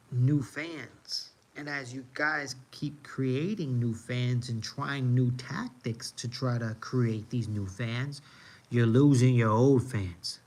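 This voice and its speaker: In a low-quality recording, a mid-range male voice with an American accent rants casually over a livestream. The streamer is from New York City and keeps repeating himself emphatically for effect.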